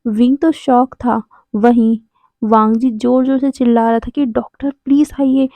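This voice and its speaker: A woman's voice: on the high side, steady tone, moderate pace, no room sound. A woman casually retelling a fan fiction story, chatty, with fillers and self-corrections. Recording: dull lo-fi, dry sound.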